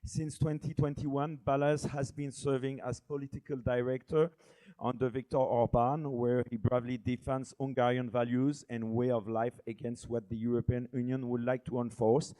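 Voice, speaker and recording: Mellow French-accented moderator, formal. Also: male voice, medium pitch, little pitch movement, moderate pace, poor audio. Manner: formal introductions, non-native phrasing.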